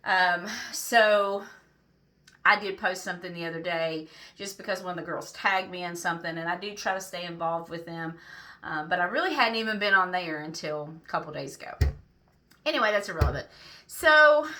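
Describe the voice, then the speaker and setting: Tearful, halting woman. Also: lowish voice, bright, forceful tone, slight background noise. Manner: emotional, halting, many restarts and fillers. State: tearful, close to crying. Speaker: vlogger. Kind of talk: unscripted personal video to friends.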